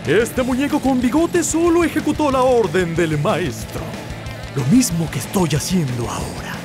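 A man voicing a menacing, taunting skeleton henchman in an animated horror parody. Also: high voice, moderate pace, natural voice. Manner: taunting, commanding. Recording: loud music behind.

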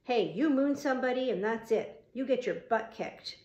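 A woman reading an audiobook, voicing a dim, greedy teenage bully with a gruff, swaggering, patronizing manner. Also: on the high side, expressive, moderate pace, a little mellow, muffled recording, natural voice. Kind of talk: audiobook character voice. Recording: roomy echo.

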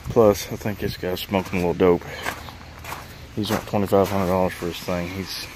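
A middle-aged male vlogger with a lowish voice films himself on a handheld phone, talking in a plain, folksy way at a moderate pace with flat delivery. In this casual walk-and-talk vlog, he rambles from thought to thought while walking around a rural property outdoors and driving his truck. A faint hiss lies beneath his voice.

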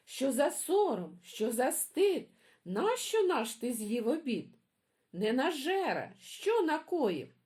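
Жінка озвучує сороченят, які обурено й пискляво кричать на брата. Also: female voice, sing-song, slow pace, a little mellow, exaggerated voice. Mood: indignant. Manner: shrill, indignant. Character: indignant magpie chicks crying together.

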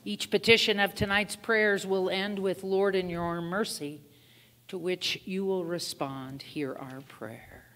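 A woman pastor leading liturgical prayers in a slow, measured way, heard with a cathedral-like church echo. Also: fairly low pitch, fairly even intonation, fairly bright tone. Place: church sanctuary. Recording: long church-hall reverb.

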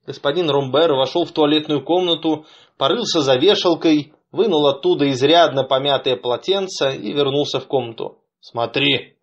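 Male audiobook narrator, measured, somewhat high voice. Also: highs cut off. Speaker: audiobook reader. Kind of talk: scripted narration.

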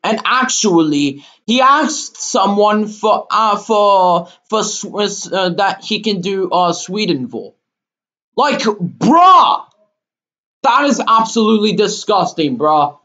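A man hosting his own channel, delivering an indignant, rambling rant full of fillers and halting restarts, with sudden outbursts. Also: sits high, animated, pushed and bright. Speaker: channel host. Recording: dull lo-fi recording.

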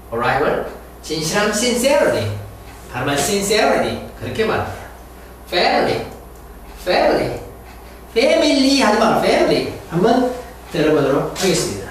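A man's voice: on the high side, recorded from a distance, a little hiss or hum. A man teaching an English lesson, drilling words aloud and stressing the right way to say them. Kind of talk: classroom lecture. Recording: echoey room picked up from afar.

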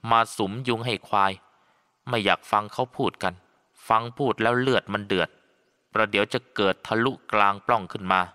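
A man narrating a ghost-story audiobook in the first person with a steady storytelling manner. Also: lowish voice, moderate pace, clear, resonant tone. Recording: long reverb.

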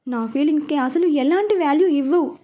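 A woman's voice: high voice, a little fast, mellow, highs cut off, lightly acted. A woman reading a story, voicing a pouting, stubborn young woman who is hurt and angry with her fiancé. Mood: sulky.

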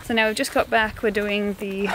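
A young Australian travel vlogger chats casually into a handheld phone camera at arm's length as she walks forest and coastal trails and drives. Her medium-pitched voice is fairly even and moderately paced, full of "like" and laughter, against a noisy background.

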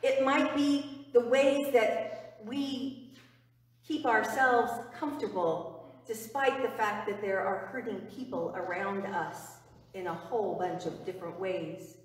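A middle-aged woman pastor giving a sermon in a church sanctuary, earnest and emphatic, dropping to a hush on key phrases. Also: mid-range voice, steady tone, takes it slowly. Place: church sanctuary before the altar. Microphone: far camera. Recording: roomy church reverb, far from mic.

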